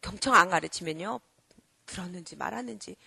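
A middle-aged woman giving a lively lecture to an audience. She quizzes her listeners and acts out children and parents as she goes. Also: fairly low pitch, brisk, vocal fry, breathy edge, no room sound. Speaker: character-education lecturer.

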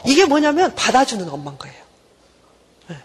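A woman professor giving a university lecture, animated and asking her class rhetorical questions. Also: high-pitched, fairly quick, a little hiss or hum. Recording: reverberant lecture hall.

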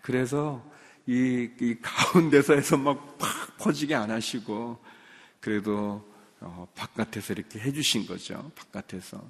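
A man preaches a sermon in a church sanctuary, his voice gravelly with a mid-range pitch. He tells a story in an easy, conversational way, then builds to emphatic high points. A long reverb from the large hall trails behind each phrase. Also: measured pace. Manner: storytelling, rising to emphatic peaks. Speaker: pastor.

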